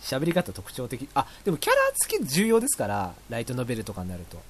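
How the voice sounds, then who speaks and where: A man hosting a casual radio show, reading listener mail and rambling between laughs and quick impressions. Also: mid-range voice, huge pitch swings, a little hiss or hum.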